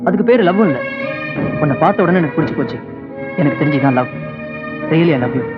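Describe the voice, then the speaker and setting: An actor playing an earnest, persistent young man who talks softly as he pleads his case. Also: a little high, lively intonation, brisk, lightly acted. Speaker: film hero. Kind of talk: romantic film dialogue. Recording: dull film soundtrack with loud music.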